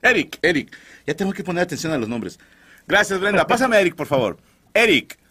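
A Mexican man hosts a comedy podcast, his voice sitting fairly high and swinging widely in pitch. He tells stories in a loud, crude, joking way, full of slang. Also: sing-song, fairly quick, breathy edge. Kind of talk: loud comic storytelling.

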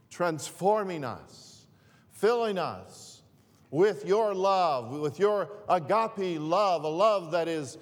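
Slow, deliberate male preacher in a hall. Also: high voice. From northern Greece. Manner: repeats and restarts phrases, slow and deliberate. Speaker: pastor. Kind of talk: sermon.

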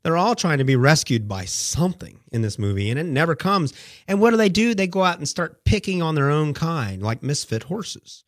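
A man co-hosting a casual radio film review, animated and acting out scenes. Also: a little high, normal speed, no echo, clean studio sound. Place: radio studio.

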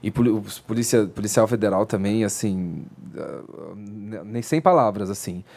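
A man's voice: fairly low pitch, moderate pace, darkish tone. A young man in casual chat, telling a story animatedly and acting out the people in it.

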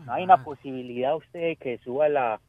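A man calls in to a radio talk show to tell a joke, putting on a squeaky voice for the characters. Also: brisk, no echo, phone-quality sound. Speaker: caller. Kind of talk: phone call telling a joke.

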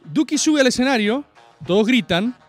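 High-voiced Argentine man ranting comically. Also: animated, moderate pace, soft background music. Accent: Argentine Spanish. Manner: exasperated, sarcastic, mimics crowd screams. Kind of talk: comic rant to an audience.

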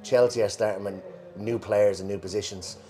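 Irish man, low wry voice. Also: fairly even intonation, normal speed, mellow, soft background music. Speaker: football show co-host. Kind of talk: casual live chat. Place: pub in Liverpool. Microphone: worn mic.

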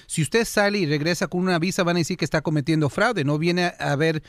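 A man gives legal advice on a radio show in a brisk, explaining way. He talks fast, his voice is fairly high, and the sound is dry with no room around it. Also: no room sound. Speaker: immigration lawyer.

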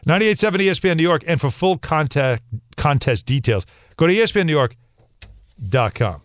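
A man's voice: fairly high pitch, lively intonation, a little fast, no echo, clean studio sound. A man hosting a sports radio show who reads sponsor spots and jokes around loosely, laughing often. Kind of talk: live ad read and casual banter.

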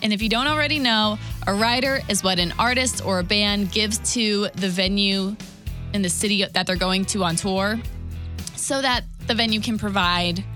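A woman co-hosting a radio show, bantering casually in a playful, expressive way on a studio microphone. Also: mid-range voice, normal speed, faint music behind. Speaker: radio co-host.

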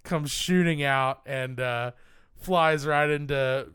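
A man's voice: medium pitch, slow, fairly bright tone, smooth, dry recording. Wry man podcast co-host, dry close sound. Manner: dry, wry humor, recaps the plot. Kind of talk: casual film discussion.

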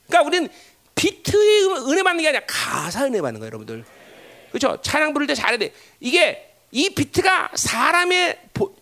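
A man preaching a sermon, emphatic, constantly asking the congregation for agreement. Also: a bit bright. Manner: emphatic, pitch swinging widely, constant tag questions to the congregation. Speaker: pastor.

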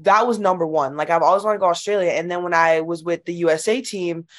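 A woman's voice: on the low side, quick pace. Chatty young woman, lots of "like". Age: young adult. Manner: giggly, chatty, full of "like". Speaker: college basketball player. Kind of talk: casual interview.

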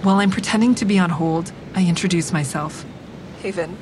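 A woman gives first-person audio drama narration as a guarded, grieving heroine, in a natural voice. The narration is measured and introspective, recorded over a constant vehicle rumble.

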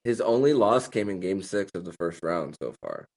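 A man hosting a sports podcast in casual discussion, haltingly repeating words as he thinks. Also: low-pitched, animated, darkish tone, breathy edge.

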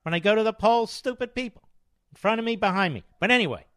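A man's voice: sits high, fast talker, a bit bright, dry recording, studio quality. An older American man delivering an impassioned political monologue as a talk host, emphatic and sarcastic, with rhetorical questions and repeated phrases.

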